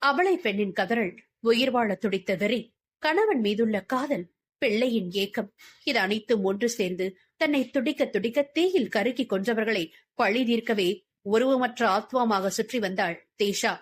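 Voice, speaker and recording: A woman's voice: fairly high pitch, lively intonation, measured pace. A woman reading a novel aloud as an audiobook narrator with dramatic storytelling.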